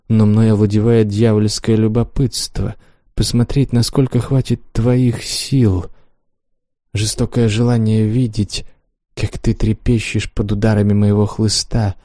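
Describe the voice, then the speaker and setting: Male reader as haughty cruel noblewoman, cold, measured, low dark tone, dry studio. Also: no room sound, close to an everyday voice.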